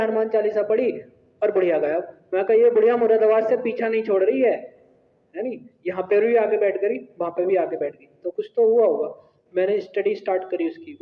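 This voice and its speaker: A male teacher telling a personal story to his class in an animated, conversational way. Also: high voice. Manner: animated, conversational, asks "right?". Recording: echoey hall, tinny phone-like sound.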